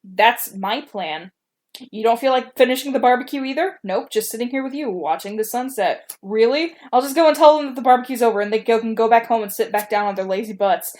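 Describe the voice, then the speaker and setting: A higher-pitched woman reads her old writing out loud in a casual way. She sounds embarrassed and giggly, breaking into self-mocking asides as she goes. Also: a little fast. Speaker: host reading her old fan fiction. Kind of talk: reading own story aloud with casual commentary.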